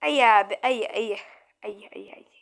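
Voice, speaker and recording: A woman's voice: fairly high pitch, a little slow, creaky. Chatty young woman griping at a game. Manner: exasperated, chatty, mock-complaining at the game. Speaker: gaming channel host. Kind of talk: casual game commentary.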